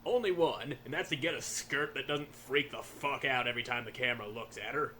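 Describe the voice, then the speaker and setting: A man's voice: medium pitch, brisk, pushed and bright, a little hiss or hum. A man giving casual, slangy, joking commentary over a game he is playing. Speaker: gamer commentating on a playthrough.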